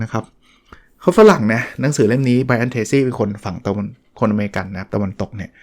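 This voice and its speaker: A middle-aged man hosts a solo show and talks casually through a book he is reviewing. His speech is conversational, full of small restarts and polite sentence endings, at an average pitch for a man. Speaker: podcast host reviewing a book.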